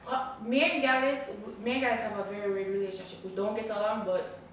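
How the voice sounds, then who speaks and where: A woman's voice: mid-range voice, fairly even intonation, fast, slight background noise. A woman chatting as a guest comedian, laughing and playfully denying things. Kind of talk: casual chat. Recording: echoey room, distant mic.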